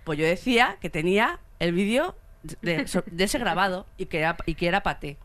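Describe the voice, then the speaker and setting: A woman's voice: fairly low pitch, a little fast. A woman in her thirties with a Spain Spanish accent, chatting casually as a podcast guest and telling comic anecdotes with lots of laughter. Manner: animated storyteller who acts out quotes and laughs often. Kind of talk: casual comedic chat.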